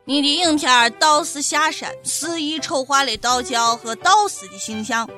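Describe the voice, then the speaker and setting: A woman's voice: high-pitched, normal speed, pushed and bright, soft background music. A woman playing a stern, huffy association spokesperson in a comic skit, accusatory and declamatory, with a Shaanxi accent. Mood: accusing, demanding.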